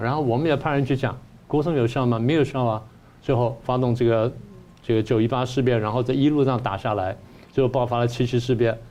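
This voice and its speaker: A man's voice: mid-range voice, darkish tone. A man, a professor giving political commentary who argues his point through repeated rhetorical questions. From Taiwan.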